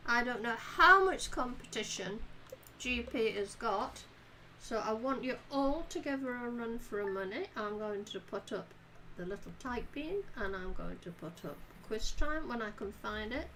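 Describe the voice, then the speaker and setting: A woman's voice: on the high side, lively intonation, moderate pace, pushed and bright, slight background noise, low-quality recording. A woman hosting a game live stream, chatting casually and talking through her own moves as she plays. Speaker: streamer and host.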